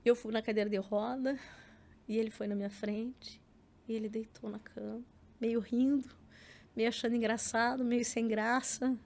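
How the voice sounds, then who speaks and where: With a slightly high, slightly mellow voice that barely moves in pitch, a middle-aged Brazilian woman speaks at a moderate pace in her Brazilian Portuguese accent. Guesting on a podcast, she tells a personal story in casual conversation, performing quoted lines and filling gaps with frequent filler words.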